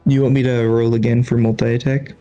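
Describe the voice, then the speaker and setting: A man's voice: mid-range voice, little pitch movement, a little fast, warm tone, faint music behind. A man playing a tabletop game, describing his character's moves hesitantly with fillers. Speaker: player.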